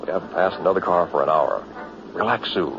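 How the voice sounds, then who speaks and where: Deep, breezy young husband. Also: male voice, brisk, a little hiss or hum. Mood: breezy, reassuring. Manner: teasing, reassuring. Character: breezy, confident new husband driving his bride. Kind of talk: early 1960s radio drama acting. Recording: muffled vintage radio recording, music behind.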